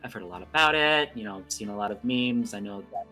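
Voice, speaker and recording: A man's voice: fairly low pitch, animated, fast talker, sharp tone, faint music behind. A man in casual livestream banter, greeting chat as he streams a game.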